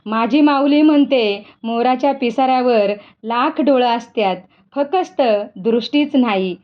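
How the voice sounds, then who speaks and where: A woman's voice: on the high side, unhurried, natural voice. A woman voicing a blunt, gossipy village farmer in rustic speech, in a dull lo-fi recording.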